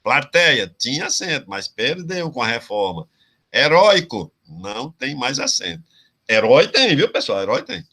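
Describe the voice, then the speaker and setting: A man from Ceará teaching a Brazilian exam-prep class, explaining grammar rules slowly and checking in with his students again and again. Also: mid-range voice, sing-song, bright, forceful tone. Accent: Brazilian Portuguese, Ceará. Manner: drawn-out explanations with frequent "tá certo?" check-ins. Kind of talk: online exam-prep lesson.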